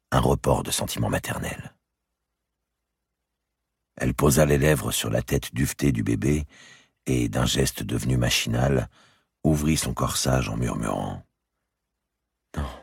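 Very deep, gravelly male narrator. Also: no echo, clean studio sound. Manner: measured, expressive storytelling. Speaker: audiobook narrator. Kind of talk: scripted narration of a historical novel.

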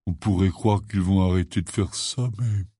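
Hagrid, read by a man, low and husky. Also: steady tone, normal speed, mellow, no room sound, studio quality. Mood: rueful. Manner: rambling, earnest storytelling. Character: huge gruff half-giant gamekeeper, kindly. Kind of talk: audiobook character reading.

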